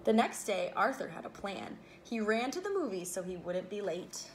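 A woman reading a children's picture book aloud, expressive, breaking off for playful asides to her listeners. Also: medium pitch, moderate pace, slight background noise. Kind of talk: read-aloud storytelling.

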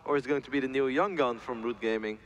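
A man's voice: mid-range voice, quick pace, lo-fi sound, a little hiss or hum. A man casting a live video game match, chatty and upbeat, laying out the stakes and the action. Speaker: esports caster.

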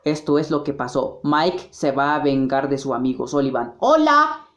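A woman with a Mexican accent doing a crude, playful, slangy amateur parody dub of animated films. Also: very deep voice, moderate pace, dull audio. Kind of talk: improvised amateur parody dub of animated film clips, all roles by one voice. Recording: roomy, echoing home recording.

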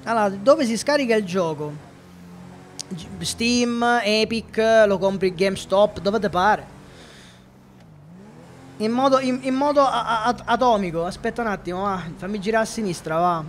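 A man's voice: sits high, measured pace, slight background noise. A man from Catania with a Sicilian accent, joking and chatting with viewers while streaming a police game. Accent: Sicilian Italian. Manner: playful, joking, talks to chat. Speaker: gaming streamer. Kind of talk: live gameplay commentary.

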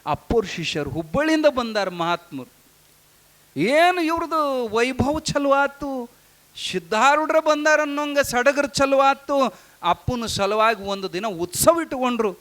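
A male preacher tells a devotional story. He speaks in lively local dialect and keeps a steady storytelling flow. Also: very high voice, a little slow. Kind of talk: storytelling sermon.

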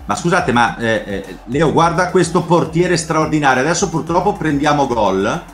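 A middle-aged man from Italy chatting casually and commenting on football highlights in an animated, repetitive way over a video call. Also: normal speed, soft background music. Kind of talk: casual chat and informal match commentary. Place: home room, video call. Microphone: computer microphone on a video call.

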